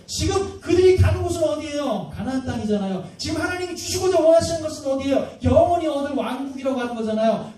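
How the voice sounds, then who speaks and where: Male pastor, very high pitched, mellow tone, chatty sermon full of rhetorical questions; echoey church hall, mic at a distance. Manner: conversational preaching, frequent rhetorical questions to the congregation. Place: church sanctuary.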